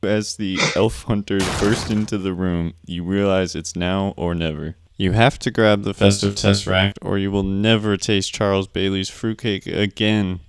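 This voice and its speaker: A man with a very deep voice reads an AI-written adventure in a flat, low-key manner. Steady clicking noise is heard behind him. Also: moderate pace, hardly any pauses. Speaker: player narrating. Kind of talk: reading an AI text adventure aloud.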